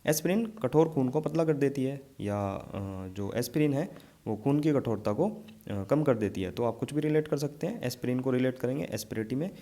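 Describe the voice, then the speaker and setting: A man's voice: medium pitch, lively intonation, normal speed, dark tone. A man teaching an exam vocabulary lesson, explaining memory tricks and checking in often with his students.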